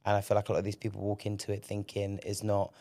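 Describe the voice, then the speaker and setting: A man hosting a podcast in casual commentary, candid and animated, swearing freely and repeating words when he gets excited. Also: on the low side, fast, dry recording. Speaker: podcast host.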